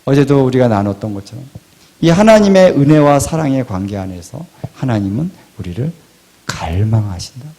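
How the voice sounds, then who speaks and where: A male pastor preaching a sermon, asking rhetorical questions and swinging between loud and hushed delivery. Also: medium pitch, very animated, moderate pace. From Korea.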